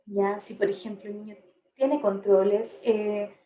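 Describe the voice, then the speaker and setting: Woman lecturing, mellow and echoey. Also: mid-range voice, unhurried, lo-fi sound, a little hiss or hum. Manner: steady and reassuring, constantly checking in with tag questions. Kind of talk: recorded online class lecture. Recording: echoey room.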